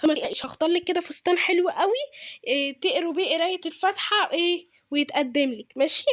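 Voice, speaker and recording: A woman's voice: extremely high pitch, very fast. A woman voicing a caring, fussy mother with an Egyptian accent, reassuring her daughter again and again in a game role-play. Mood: soothing. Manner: soothing, reassuring, repeats herself.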